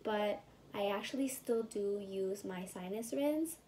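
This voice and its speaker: On poor audio with a little hiss or hum, a young woman from California gives a casual vlog update on her post-surgery recovery. Her medium-pitched voice is dark and measured, and she rambles with many fillers, sometimes congested and sometimes whispering.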